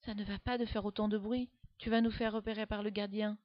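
A woman's voice: mid-range voice, flat delivery, brisk, dry recording, pitched above the performer's own voice, lightly acted. A woman voicing a bossy young girl who scolds sharply, in a dull, dry recording. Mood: scolding.

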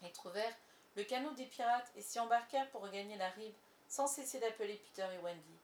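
A woman narrating a storybook in an expressive, measured way. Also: medium pitch, echoey room. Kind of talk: storybook reading.

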